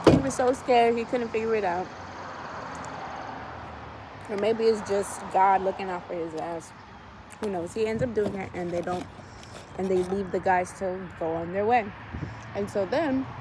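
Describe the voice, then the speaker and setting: A woman retelling a book's plot in a casual, animated and profane way, full of slang. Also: mid-range voice, noisy background. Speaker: vlogger retelling a book. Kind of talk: casual storytelling.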